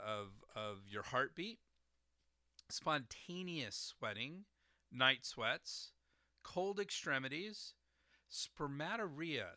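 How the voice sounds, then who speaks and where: Guy hosting a herb podcast, really bright forceful voice, dry close sound, spells stuff out, lots of uhs. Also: medium pitch, clean tone, no room sound. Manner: explanatory, spells out words and tones with frequent uhs. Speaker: podcast host explaining herbal formulas. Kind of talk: solo educational podcast.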